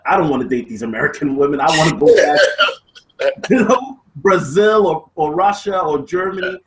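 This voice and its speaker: A man's voice: a little high, low-quality recording. A man hosting an interview, asking questions hesitantly with many restarts. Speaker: interviewer, channel host.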